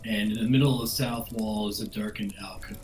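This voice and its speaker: A man's voice: on the low side, steady tone, fairly quick, a little mellow, echoey room, faint music behind, poor audio. A man narrating as dungeon master of a tabletop game, hesitant with many fillers.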